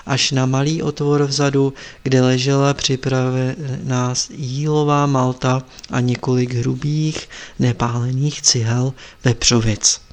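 Calm male audiobook narrator. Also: medium pitch. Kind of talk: scripted narration.

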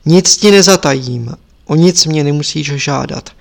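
A wise old lama teacher speaks gravely and instructively, as a man reading a story voices him. The voice sits a little high for a man. It is read in a storybook style. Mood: tender. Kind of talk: audiobook character reading.

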